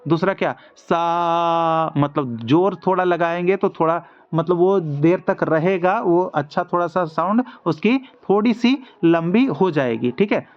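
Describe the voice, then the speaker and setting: A man's voice: high-pitched, lo-fi sound. A man teaching a music exam lesson, walking through multiple-choice questions step by step and asking himself rhetorical questions as he explains. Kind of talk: online MCQ lesson.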